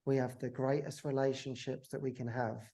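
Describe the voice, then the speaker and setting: Reflective man with a gravelly voice. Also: mid-range voice, flat delivery, brisk, mellow. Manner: reflective, loose storytelling. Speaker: podcast guest. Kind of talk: conversational interview.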